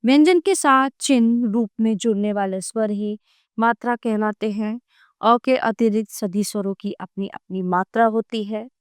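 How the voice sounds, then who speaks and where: A woman teacher giving a grammar lesson to children, addressing them directly and spelling out sounds slowly one by one. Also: on the high side, smooth, dry recording, clean studio sound.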